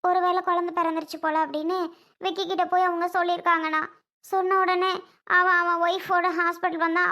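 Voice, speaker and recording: A woman's voice: extremely high pitch, bright, forceful tone. A woman voicing a tearful young wife and new mother who pleads to be trusted, in a home-made audio drama.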